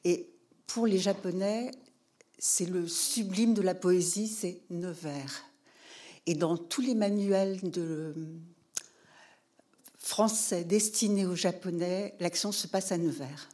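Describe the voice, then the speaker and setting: A woman in the audience at a public talk sharing her view hesitantly, with many pauses and fillers, and calling herself shy. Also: fairly low pitch, dark tone. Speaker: audience member. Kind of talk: question-and-answer remark at a public talk.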